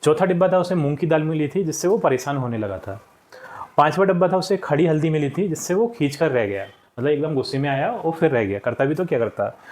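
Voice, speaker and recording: A man's voice: a little high, expressive, brisk, a little mellow. Patient male teacher explaining a lesson. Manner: patient, repeats answers and checks with "ठीक". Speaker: school teacher. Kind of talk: explaining a textbook lesson to children.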